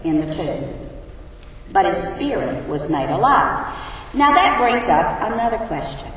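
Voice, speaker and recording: A woman's voice: fairly low pitch, sing-song, measured pace, a bit bright, distant mic. A woman teaching a sermon who asks her congregation questions, her voice echoing around a big hall. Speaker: Bible teacher. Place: large hall.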